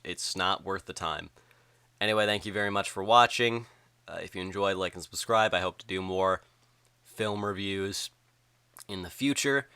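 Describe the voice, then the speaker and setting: Young male reviewer, low bright voice, dry close mic, rambling casual delivery. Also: dry recording. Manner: rambling, filler-heavy, with frequent ums and likes. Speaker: movie reviewer. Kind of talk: casual spoken film review.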